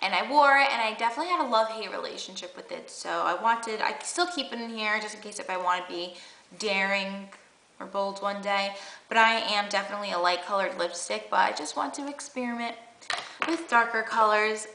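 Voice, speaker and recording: A young woman vlogs about her makeup in a chatty, gushing way, full of fillers and restarts. Her voice is bright with a gravelly edge. The room adds a clear echo. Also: mid-range voice, fairly quick. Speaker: beauty vlogger. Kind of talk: casual makeup haul chat.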